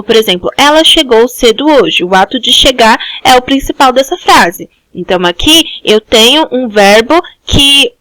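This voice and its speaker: A woman's voice: high-pitched, fairly bright tone, no echo, poor audio. A Brazilian woman teaching a school language class, explaining step by step and often checking in with "né?". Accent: Brazilian Portuguese. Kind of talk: online class lecture.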